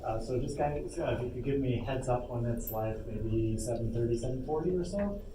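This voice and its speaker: At a fairly quick clip and in a medium-pitched voice, a lead game developer gives an off-the-cuff workshop talk on a convention panel, adding asides along the way. The room echoes, the mic is distant, and the background is loud.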